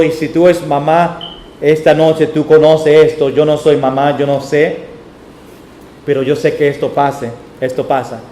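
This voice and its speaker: A man with a high voice preaches a sermon from a church pulpit. His voice rings around a roomy, echoey sanctuary. He tells homely stories and slips into the voices of the people he quotes. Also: a little mellow. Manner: storytelling, acting out quoted voices. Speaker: pastor.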